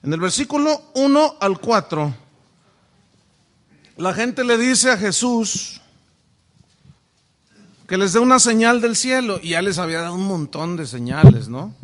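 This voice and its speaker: A preacher teaches the Bible to his congregation. His voice is high for a man. He keeps throwing questions at the listeners. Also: expressive, a little slow, long pauses. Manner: asks the audience many rhetorical questions. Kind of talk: sermon-style Bible teaching.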